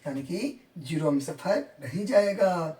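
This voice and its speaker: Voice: mid-range voice, moderate pace, warm tone, distant mic, a little hiss or hum. Repetitive maths teacher in an echoey room. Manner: repeats each step and checks in with students; counts numbers out in English within Hindi talk. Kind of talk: classroom maths lesson.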